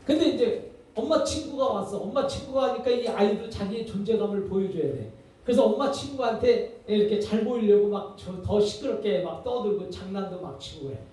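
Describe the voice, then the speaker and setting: A man's voice: high voice, a little fast, mellow. A man giving a lecture on parenting, talking conversationally and quizzing his listeners with rhetorical questions. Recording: echoey hall from far off.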